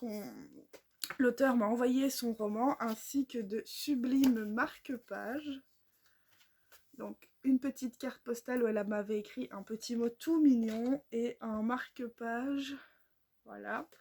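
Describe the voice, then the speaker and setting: A woman's voice: a little high, dark tone, a little hiss or hum. A woman chatting casually about books on her vlog, with many fillers and restarts. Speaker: book vlogger. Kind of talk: casual book chat.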